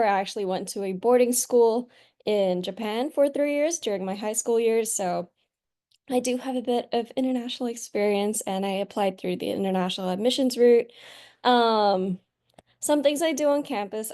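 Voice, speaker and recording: Woman, 20s, from Singapore, eager student panelist, mellow tone. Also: a little high, normal speed, smooth. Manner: eager, enthusiastic. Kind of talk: self-introduction on a panel.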